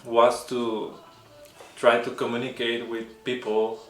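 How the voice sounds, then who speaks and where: A man's voice: mid-range voice, completely flat delivery, takes it slowly, a bit bright, reverberant. A man from Mexico co-hosting a casual chat, telling stories in an easygoing way and laughing as he talks. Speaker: co-host.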